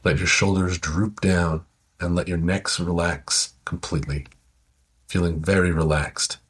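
A man slowly guiding a listener through a progressive muscle relaxation exercise with soothing, calm instructions. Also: low-pitched, husky. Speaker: relaxation guide.

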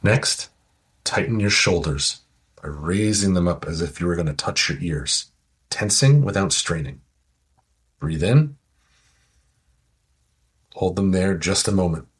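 A man slowly guiding a listener through a progressive muscle relaxation exercise with soothing, calm instructions. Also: sits low, breathy edge. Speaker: relaxation guide.

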